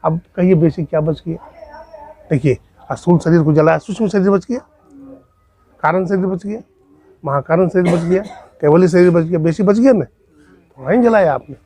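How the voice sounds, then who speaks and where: A man's voice: high-pitched, normal speed, long pauses, warm tone. A man preaching a sermon as a spiritual teacher, telling a story and asking rhetorical questions. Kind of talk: Hindi sermon with acted dialogue.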